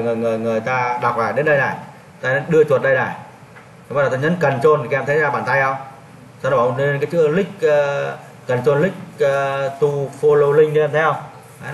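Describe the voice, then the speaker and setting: A man's voice: mid-range voice, a little hiss or hum. Male teacher, classroom lesson, repeats steps aloud while clicking; voice at a distance in an echoey room. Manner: repetitive, talks while clicking through steps.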